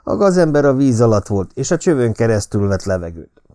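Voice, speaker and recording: A man doing a gruff grumbling detective. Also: medium pitch, very animated, warm tone, dry recording, clean studio sound, close to an everyday voice.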